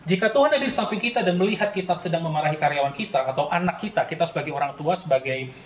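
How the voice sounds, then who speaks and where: A man's voice: on the high side, rapid-fire, reverberant, low-quality recording. A man in his late thirties preaching a sermon in an earnest, conversational way, often addressing the congregation directly. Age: late 30s. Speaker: pastor.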